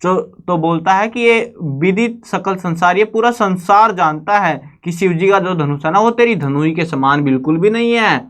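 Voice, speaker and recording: A man teaching a class, reading verse lines slowly and then explaining them in a casual, chatty way. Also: sits high, a bit bright. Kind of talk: casual line-by-line explanation of a poem.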